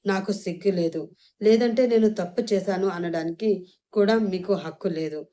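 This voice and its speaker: A woman's voice: medium pitch, normal speed, mellow, close to an everyday voice. A woman voicing a hurt young woman who argues back through tears in an audio story. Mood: defiant. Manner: tearful and defiant. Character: hurt, defiant young woman, tearful but proud.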